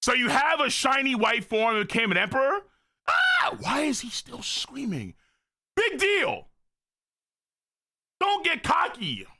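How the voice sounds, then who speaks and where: A man shouting as a stern old pirate. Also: very high-pitched, wildly swooping pitch, a little slow, pauses often, pitched above the performer's own voice, exaggerated voice. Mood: scornful. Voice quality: loud and barking. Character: stern injured old male pirate scolding a youngster.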